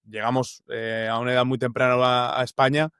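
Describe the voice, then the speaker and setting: A man's voice: medium pitch, level tone, fairly quick, a bit bright, smooth, no echo. Young uruguayan-born guy, spanish accent, lots of ehs, dry close mic. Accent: Spanish, Valencia area. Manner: thoughtful, many fillers and restarts. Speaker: journalist guest. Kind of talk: casual interview conversation.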